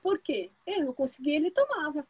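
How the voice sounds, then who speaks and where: A woman with a Brazilian Portuguese accent hosting a live stream, telling stories fast and full of asides. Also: sits high, no room sound, poor audio. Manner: lively storyteller, talks fast with many asides. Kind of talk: casual live chat.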